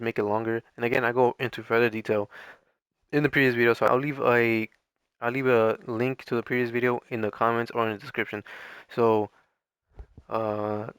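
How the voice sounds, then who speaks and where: A gaming creator's voice sounds mildly strained, as if starting to go, as he rambles hesitantly through casual gameplay commentary. The recording is smooth with no echo, and his medium-pitched voice is a bit bright.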